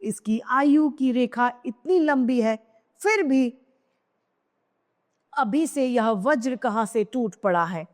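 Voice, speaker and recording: A woman's voice: a little high, lively intonation, slow, pauses often, in a large hall. A woman voicing a grieving queen mother who laments over her dead son with repeated cries. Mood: grief-stricken. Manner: wailing lament, cries of hai.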